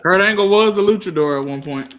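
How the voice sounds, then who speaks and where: Bright, high-voiced man teasing a co-host. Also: brisk. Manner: teasing, jabbing back at the other host. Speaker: podcast co-host. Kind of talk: casual chat.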